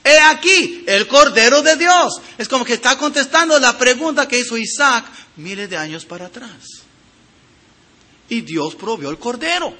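A man preaching a sermon, reading scripture aloud and addressing the congregation directly with emphatic swings of loudness. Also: sits high, slightly rough. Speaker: pastor.

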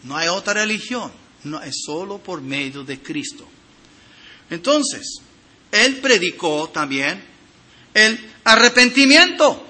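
High, bright, lively preaching man. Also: slow pace. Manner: expressive preaching, reads scripture aloud, addresses congregation directly; emphatic swings in loudness and pitch. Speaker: pastor. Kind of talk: sermon.

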